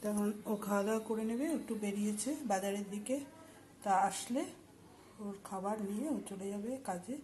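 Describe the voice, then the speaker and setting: A woman's voice: medium pitch, fairly even intonation, normal speed, mellow, slight background noise. A woman with a sore throat, chatting homely in a casual cooking vlog from her home kitchen, explaining each step. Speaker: vlogger.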